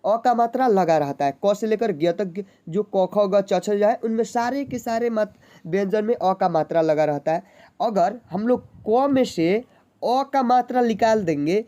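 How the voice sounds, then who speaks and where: Mellow-voiced woman teaching letters. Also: medium pitch, lively intonation, muffled recording. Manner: repeats each point with quizzing questions; slow, drawn-out letter sounds. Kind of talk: basic literacy lesson.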